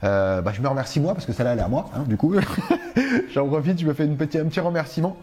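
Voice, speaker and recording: A man's voice: a little high, very fast, warm tone. A man with a French accent chatting casually through an unboxing review of a collectible figure, enthusiastic and slangy, joking at himself.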